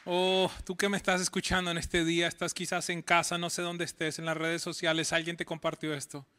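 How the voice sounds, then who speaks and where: Bright, high-voiced man preaching a sermon. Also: flat delivery, some chatter behind, a little hiss or hum. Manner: preaching with rising, pleading questions; tells stories in a quick conversational voice. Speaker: pastor.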